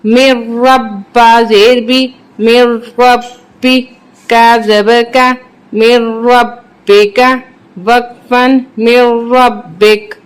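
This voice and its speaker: Quran teacher, Pakistani Urdu accent, slow drawn-out syllable drills, quick low explanations, smooth clear voice. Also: flat delivery.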